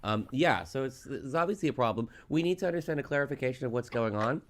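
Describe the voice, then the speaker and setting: A man's voice: mid-range voice, animated, fast talker, slight background noise. A man co-hosting a podcast, talking in a casual, conversational style. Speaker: podcast co-host. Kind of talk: casual chat.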